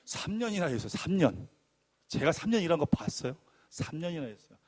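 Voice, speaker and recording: A man preaching a sermon testimony, telling his story in an animated, emphatic way and acting out arguments. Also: on the high side, fairly quick.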